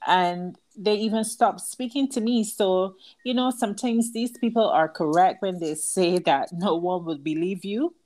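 A woman's voice: medium pitch, unhurried, few pauses, darkish tone. A woman with a Barbadian accent, a book author telling her life story earnestly as a guest in an interview. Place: outdoors at night with crickets. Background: crickets.

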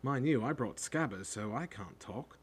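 Man as young schoolboy, blunt, chatty, casual, animated pitch, husky edge, storybook character. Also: moderate pace. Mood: grumbling. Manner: matter-of-fact, chatty.

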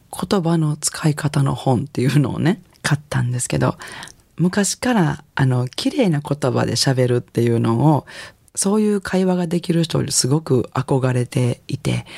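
A middle-aged woman with a Kansai accent hosts a radio music show and talks in a loose, chatty way. Her voice is husky with a gravelly edge, and it sounds close and dry. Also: sits low, no echo. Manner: relaxed, chatty, rambling. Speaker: radio host and singer. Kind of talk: casual radio DJ talk.

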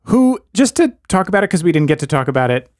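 A man's voice: high-pitched, sing-song, quick pace, no echo, clean studio sound. A man co-hosting a podcast, talking through a TV episode in a thoughtful, analytical, wordy way. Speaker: podcast co-host. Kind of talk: casual chat.

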